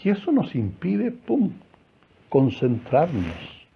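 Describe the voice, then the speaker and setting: A man's voice: fairly high pitch, huge pitch swings, slow pace, gravelly, lo-fi sound, slight background noise. A male priest with a Chilean accent preaching a homily in a chapel, talking conversationally and asking the congregation questions. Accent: Chilean Spanish.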